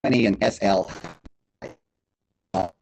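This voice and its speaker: A low-pitched man speaks over a video call, and his audio comes through muffled, as if from behind a wall. He is an official leading a public briefing and talks in a halting way, with frequent pauses and ums. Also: creaky, a little mellow, slightly rough. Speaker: agency director giving an update. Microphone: video call connection.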